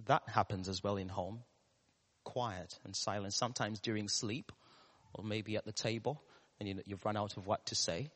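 A man with a Ugandan, East African accent preaching a sermon, putting questions to the congregation, pausing and repeating key words. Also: lowish voice, fairly even intonation, a bit bright. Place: large reverberant room, live church service. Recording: echoey hall with long reverb.

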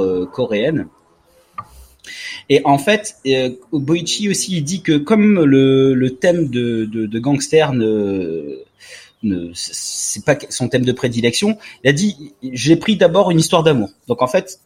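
Guy in his 40s, kinda husky voice, just chatting away relaxed with lots of euhs. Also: mid-range voice. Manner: relaxed, chatty, many fillers. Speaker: podcast co-host. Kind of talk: casual chat about manga.

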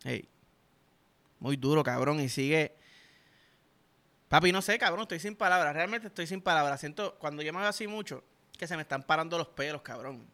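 Excitable Puerto Rican man, bright voice. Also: fairly high pitch, moderate pace, pauses often. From Puerto Rico. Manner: excitable, swears constantly, emphatic. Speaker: music reactor. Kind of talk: reaction commentary. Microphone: headphones while listening.

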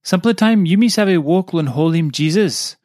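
Papua New Guinean man reading, animated pitch swings. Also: fairly quick, no room sound, studio quality. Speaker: devotional reader. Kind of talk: scripted devotional narration in Tok Pisin.

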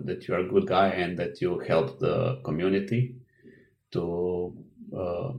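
Deep-voiced man with halting speech. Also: creaky, a little mellow, low-quality recording. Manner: halting, many fillers and restarts, non-native grammar. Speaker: guest. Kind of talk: interview answers.

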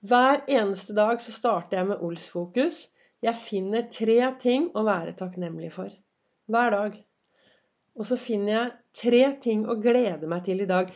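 A woman hosting a podcast in a chatty, encouraging motivational monologue, her voice slightly hoarse and her throat often cleared, with many fillers. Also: mid-range voice, a little mellow. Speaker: podcast host. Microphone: semi-pro recording setup.

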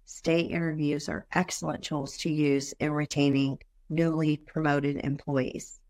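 A woman hosting a podcast in a scripted presenting style. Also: low voice. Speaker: podcast host.

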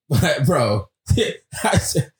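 A man talking in a casual chat as a podcast co-host, animated and laughing through his stories. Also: medium pitch, extremely slow, reverberant.

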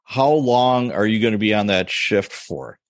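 Middle-aged guy hosting a podcast, lowish voice, chatty, laughs a lot, dry sound. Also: expressive, measured pace, no echo. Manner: chatty, laughs often, storytelling. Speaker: podcast host. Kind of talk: casual interview chat.

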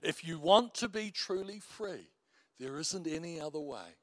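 In clean, echo-free studio sound, a middle-aged pastor with a big voice preaches a little slowly, pitched on the high side. His sermon is animated storytelling with warm asides and jokes at his own expense.

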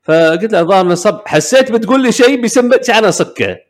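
A man's voice: high voice, rapid-fire. A young man with a Kuwaiti Arabic accent, co-hosting a casual podcast chat and acting out the voices in the stories he tells. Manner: animated storyteller, acts out voices in quoted dialogue. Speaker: podcast co-host.

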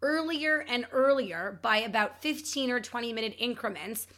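A woman's voice: a little high, moderate pace, a bit bright. A woman hosting an advice podcast in an upbeat, instructive manner, stressing key words as she goes. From Ontario, Canada. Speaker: podcast host and child sleep coach.

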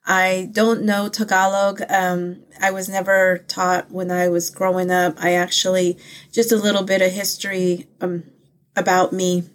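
A fairly low-pitched woman speaks flatly at a measured pace while hosting a casual faith vlog. Originally from the Philippines, she grew up speaking Pangasinan and Ilocano, and her heartfelt, earnest talk rambles with frequent fillers and restarts.

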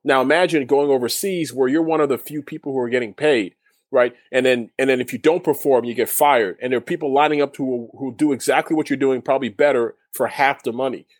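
Dude talking fast in an interview, lots of restarts, dry sound. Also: male voice, medium pitch, no room sound. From Canada. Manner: rapid, rambling storyteller with frequent restarts. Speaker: guest, former overseas basketball player. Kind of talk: casual interview storytelling.

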